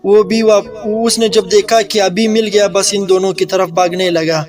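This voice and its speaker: A man with a Pakistani Urdu accent narrates a folk tale in an easygoing, conversational way, pausing to restart a word now and then. His voice sits high and stays fairly even in pitch. Soft music plays underneath. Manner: plain, conversational retelling with restarts. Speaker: storyteller. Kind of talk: casual oral storytelling.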